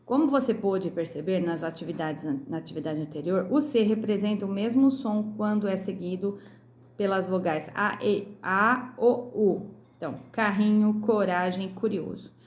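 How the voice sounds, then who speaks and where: A Brazilian woman, a primary school teacher, going through a workbook lesson slowly and clearly, sounding out syllables. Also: medium pitch, darkish tone, echoey room, slight background noise. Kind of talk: recorded lesson correcting a workbook.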